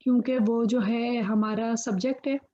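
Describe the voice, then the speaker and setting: A woman's voice: a little high, fairly even intonation, normal speed, warm tone, lo-fi sound. A woman student answering her teacher in short, hesitant replies over an online call.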